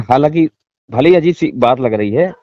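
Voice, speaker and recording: A man's voice: medium pitch, lively intonation, moderate pace, dark tone, dry recording, dull audio. A man, a guest in a casual conversation, describing things in a searching, repetitive way over a video call. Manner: searching, repetitive, thinking aloud.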